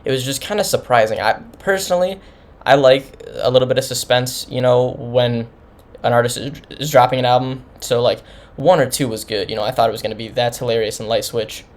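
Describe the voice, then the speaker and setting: A man's voice: mid-range voice, a little fast. Casual man rambling through an album review. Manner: rambling, informal, many restarts. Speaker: music reviewer.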